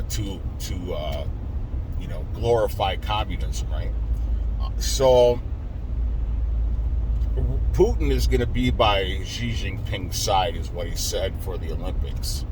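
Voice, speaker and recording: A man with a fairly low voice talks casually off the cuff, lisping through his braces. He restarts his sentences often as he gives his commentary. There is clear vehicle noise around him. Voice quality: lisp from wearing braces. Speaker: vlogger, former soldier.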